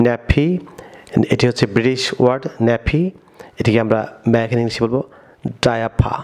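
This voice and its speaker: A man's voice: medium pitch, darkish tone. A man from Bangladesh teaching an online English vocabulary lesson, often addressing viewers and repeating words for them to drill.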